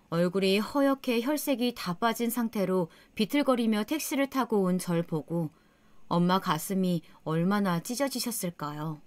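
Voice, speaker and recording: A woman's voice: mid-range voice, no room sound. A woman narrating her own story in the first person, earnest and emotional.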